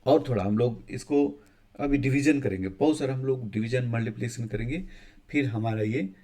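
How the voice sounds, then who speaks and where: सहज अंदाज़ में गणित समझाता पुरुष शिक्षक. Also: male voice, mid-range voice, warm tone. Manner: casual explaining, frequent "ठीक है" check-ins, halting restarts. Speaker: maths teacher. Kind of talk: whiteboard maths lesson.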